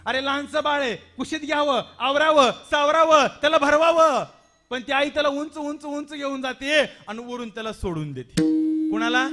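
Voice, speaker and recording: A man's voice: extremely high pitch, bright, forceful tone. A man preaching a devotional kirtan sermon with a Marathi accent, dramatic and full of rhetorical questions and repetitions.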